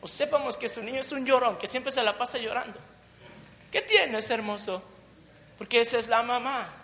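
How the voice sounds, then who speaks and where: Woman preacher, high bright voice, slow emphatic delivery, long hall reverb. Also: steady tone. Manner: emphatic, repetitive build-ups with joking asides. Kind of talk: sermon.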